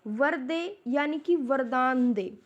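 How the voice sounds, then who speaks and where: A woman teaching a class in a high voice. She speaks slowly and deliberately, pausing to pose rhetorical questions before answering them. Her pace is measured throughout the explanation. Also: dull audio. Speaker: Hindi literature lecturer. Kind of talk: classroom lecture.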